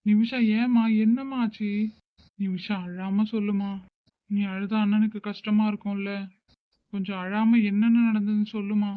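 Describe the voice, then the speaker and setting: A man's voice: sits high, fairly even intonation, normal speed, lightly acted. A man playing a caring older brother who soothes and reassures his crying sister, in an amateur short drama. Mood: soothing. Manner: soothing, reassuring, gently coaxing. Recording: dry, tinny phone-like recording.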